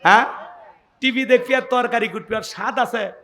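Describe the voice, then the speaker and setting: A man's voice: very high-pitched, moderate pace, bright, forceful tone, in a large hall. A man preaching a sermon, rousing the crowd with calls for responses and joking asides. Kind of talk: sermon at an evening religious gathering.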